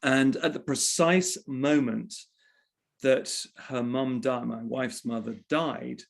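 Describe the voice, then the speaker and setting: A man's voice: mid-range voice, slow pace, vocal fry. A man, a journalist being interviewed, telling a personal story in a reflective way and often restarting his phrases. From England. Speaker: interview guest, journalist and author. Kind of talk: conversational storytelling.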